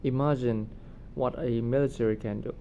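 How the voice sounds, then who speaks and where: A man's voice: steady tone, normal speed, dark tone, muffled recording. A man giving casual, unscripted commentary on current events, hesitant and often searching for words. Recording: noticeable low rumbling background noise.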